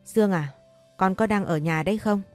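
A woman's voice: mid-range voice, normal speed, darkish tone, soft background music, natural voice. A woman voicing an ashamed older father who begs his daughter for money, speaking hesitantly and stammering. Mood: pleading, ashamed.

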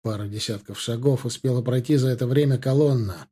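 Mellow male audiobook narrator. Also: mid-range voice, fairly quick, breathy edge. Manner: dramatic storytelling. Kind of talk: scripted narration.

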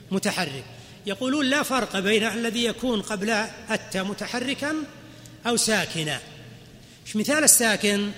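Male sheikh, high bright voice, patient grammar lecture, quizzes class, reverberant hall. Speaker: sheikh teaching Arabic grammar. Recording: hall reverb, faint noise.

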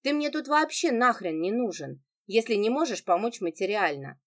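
Sneering venomous wife in an audiobook, lively and mocking; the woman narrator puts her on. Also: fairly high pitch, normal speed, lightly acted. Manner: sarcastic, sneering, biting.

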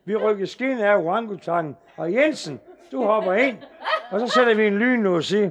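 Man as a zoo director, bossy, commanding, high voice. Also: lo-fi sound, natural voice.

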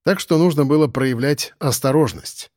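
A man's voice: a little high, moderate pace, darkish tone, no room sound, clean studio sound. A man reading a first-person audiobook as narrator, in a wry, matter-of-fact way.

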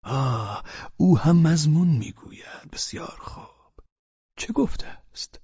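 Guy doing a frail sweet old man, slow faint wobbly voice, husky. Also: mid-range voice, big pitch swings, a little mellow, no room sound. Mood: puzzled. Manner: slow, faint, wavering delivery. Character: feeble, good-natured old man, slow and soft. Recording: dull lo-fi sound.

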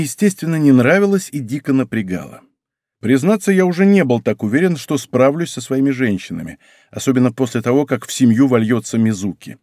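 Lively male audiobook narrator. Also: mid-range voice, dry recording, clean studio sound. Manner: expressive, conversational storytelling. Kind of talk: first-person audiobook narration.

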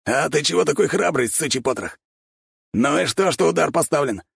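A man's voice: fairly high pitch, lively intonation, moderate pace, vocal fry, fairly bright tone, breathy edge, no room sound, studio quality, pitched above the performer's own voice, full character voice. A man voicing a brash, arrogant young wolf thug who growls threats in an audiobook. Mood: menacing.

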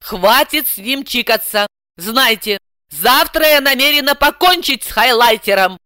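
A woman voicing an excitable, bossy middle-aged housewife who talks in a shrill, indignant, fussy way. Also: a little slow, dry recording, clean studio sound. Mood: outraged.

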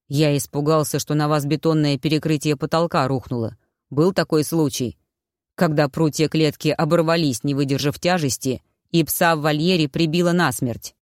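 A narrator voicing a grumbling male kennel keeper in an audiobook, talking low and gruff. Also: animated, normal speed, few pauses, darkish tone, dry recording, studio quality. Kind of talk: audiobook character voice.

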